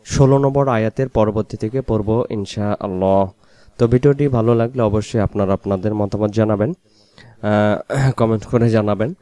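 A man with a Bangladeshi Bengali accent teaching a Quran recitation lesson, slowly chanting verses and then briskly explaining the pronunciation rules. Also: fairly low pitch, dark tone, no room sound.

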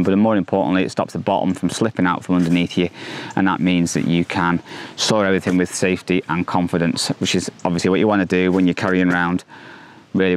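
A man's voice: deep voice, slight background noise. A man in his thirties hosting a fishing channel, reviewing a product to camera outdoors by a lake, upbeat and enthusiastic with frequent fillers and restarts, on a lapel mic. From England.

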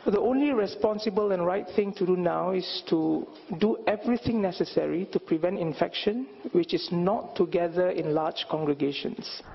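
Man with a gravelly voice at a press conference. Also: sits high, normal speed, hardly any pauses, muffled recording. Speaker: religious leader. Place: indoor press conference room. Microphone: stand microphone.

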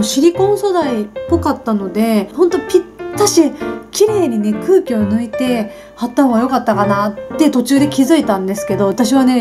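Flustered, laughing woman in her forties. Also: a little high. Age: 40s. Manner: flustered and self-deprecating, laughs often; polite, chatty. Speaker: beauty vlogger. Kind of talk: casual unboxing vlog chat. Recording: background music clearly audible.

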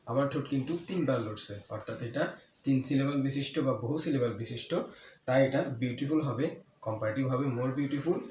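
A man teaching an English grammar lesson, repeating key words slowly and asking his own questions before answering them. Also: medium pitch, darkish tone. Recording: echoey room with faint ambient noise.

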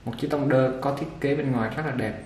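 At an indoor shop table piled with clipper boxes, a Vietnamese-accented product reviewer for a barber supply shop does a casual unboxing. His mid-range voice moves at an easygoing pace, relaxed and full of fillers while his hands handle the product. The room echoes, with a clipper motor buzzing clearly behind him plus clicks and machine noise.

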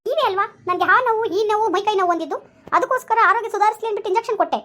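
A woman's voice: very high-pitched, very fast, sharp tone. A woman playing a scheming mother-in-law who lectures in a falsely sweet, bossy way in a comedy skit. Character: scheming mother-in-law posing as social worker.

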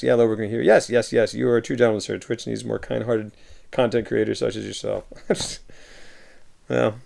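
Against a backdrop of film-stocked shelves at home, a gravelly-voiced American man with a lowish voice chats casually with his viewers. He reads their messages out loud, responds warmly, and laughs frequently.

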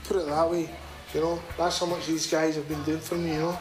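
A man's voice: on the high side, little pitch movement, fairly quick. A man with a Scottish accent talking candidly and informally in a documentary, in a matey way, often repeating his phrases. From Scotland. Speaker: restaurant owner being filmed for a documentary. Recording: clear background noise on location.

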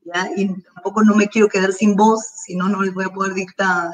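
A woman's voice: mid-range voice, little pitch movement, far from the mic, rough recording. Strained-voiced woman teacher, off-mic. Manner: slow, careful, repeats instructions. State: straining her throat. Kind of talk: online class instructions to parents. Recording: voice from away from the mic.

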